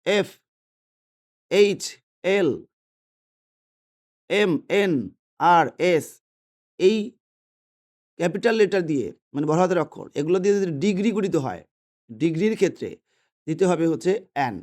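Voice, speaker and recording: Male teacher, slightly high pitch, patient explainer who quizzes and answers himself. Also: animated, a little slow, pauses often, darkish tone. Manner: patient, repetitive, asks and answers his own questions. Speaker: English teacher. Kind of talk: explaining English grammar lesson. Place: indoors, holding a pen.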